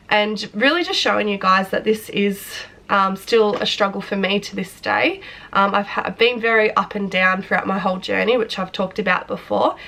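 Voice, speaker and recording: Hoarse young woman, bright and emotional. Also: medium pitch. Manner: candid, rambling, emotional. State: hoarse with flu. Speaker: vlogger and personal trainer. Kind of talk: personal story vlog. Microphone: front camera close up.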